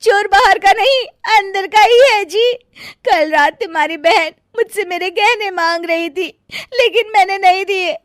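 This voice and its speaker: A woman voicing a wronged young bride who pleads and wails through tears in an animated story. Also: high voice, slow, no room sound, studio quality. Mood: wailing. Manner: wailing, pleading, tearful.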